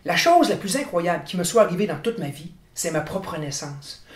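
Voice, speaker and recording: A man in his sixties with a Quebec French accent, telling a tall tale in an animated, theatrical oral style. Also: sits high, normal speed. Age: 60s. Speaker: storyteller. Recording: roomy, echoing room.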